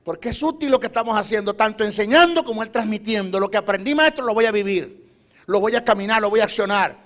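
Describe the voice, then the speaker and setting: Middle-aged male preacher, high voice, emphatic, repeats phrases in exhortation. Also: quick pace, fairly bright tone. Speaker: preacher and Bible teacher. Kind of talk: sermon teaching.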